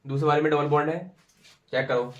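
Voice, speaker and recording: A man's voice: a little high, steady tone, fairly quick, fairly bright tone, lo-fi sound. Young male chemistry tutor, echoey room. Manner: drills step by step, repeats answers, teasing and pushy when challenged. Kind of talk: informal classroom explanation. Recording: roomy echo, recorded from a distance.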